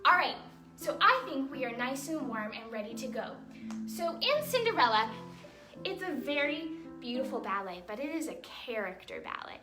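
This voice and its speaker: Over music, a woman with a high voice teaches young children ballet at a moderate pace, animated and encouraging. She explains simply and checks in with questions, and the distant mic picks up roomy echo and faint noise.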